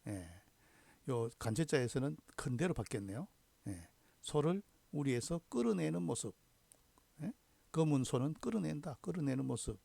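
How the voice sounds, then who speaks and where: Gravelly-voiced man teaching hanja. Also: a little high, expressive, mellow, dry recording. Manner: slow, deliberate, punctuates with frequent affirming "ye". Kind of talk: recorded lecture.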